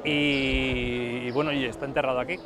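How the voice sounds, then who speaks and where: A man from Aragon, Spain, with a Spanish accent and a mid-range voice gives a casual guided tour outdoors as a featured guest showing the area, moving through an airfield and village streets. His delivery is flat, conversational and explanatory at normal speed, with a crowd audible in the background.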